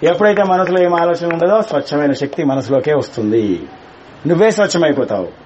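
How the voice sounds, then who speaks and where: A man's voice: on the high side, lively intonation, brisk, highs cut off, background noise. A man teaching a class on spirituality, talking in a colloquial, teasing way and dropping English words into his speech.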